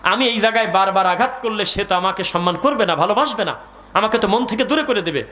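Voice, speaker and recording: A man's voice: high-pitched, fast, bright, forceful tone. A man with a Bangladeshi Bengali accent preaching a sermon to a gathering, asking the crowd questions and reciting Arabic verses. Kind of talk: sermon at an outdoor religious gathering.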